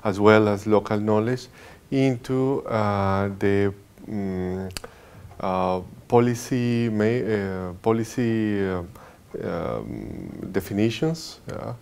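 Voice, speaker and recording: A man's voice: fairly low pitch, slow pace, creaky, darkish tone, clear, resonant tone. A man from Colombia in his forties, a research director answering interview questions and searching for words. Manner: searching for words, many fillers.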